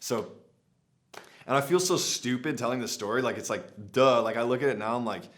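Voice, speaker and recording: A man's voice: medium pitch, a little fast. A young man vlogging, telling a story casually to camera with lots of filler words and acted-out quotes. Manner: animated, many "like" fillers, acts out his own past lines. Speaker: adventure vlogger.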